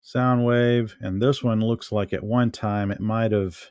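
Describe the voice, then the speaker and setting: A man's voice: fairly low pitch, steady tone, a little mellow, clear, resonant tone, dry recording, clean studio sound. A middle-aged American man musing to himself as he shows things in a casual vlog at home. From United States. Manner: unhurried, musing, talks to himself while handling objects. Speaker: vlogger. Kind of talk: casual show-and-tell vlog.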